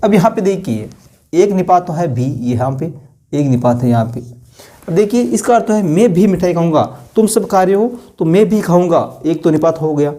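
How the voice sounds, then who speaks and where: Male teacher, fairly high voice with a mellow tone, asks rhetorical questions and repeats example sentences. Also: animated, normal speed. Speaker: Hindi grammar teacher. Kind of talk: online grammar lesson.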